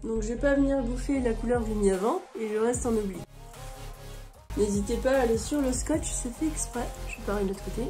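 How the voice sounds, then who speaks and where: A woman with a slightly high voice walks through her makeup routine one step at a time, relaxed and chatty. Clear background music plays under her narration. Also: fairly quick. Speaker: beauty vlogger. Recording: music playing behind the voice.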